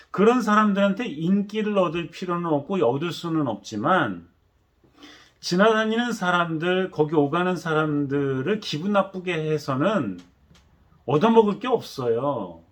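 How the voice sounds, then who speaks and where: A pastor preaching a sermon, telling the story animatedly and acting out the voices. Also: male voice, a little high, breathy edge.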